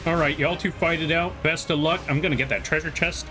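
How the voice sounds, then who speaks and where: A man's voice: on the high side, fairly even intonation, brisk, music in the background. A man streaming a game live, chatting playfully, reading chat aloud and joking with the game as he plays. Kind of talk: live gameplay commentary.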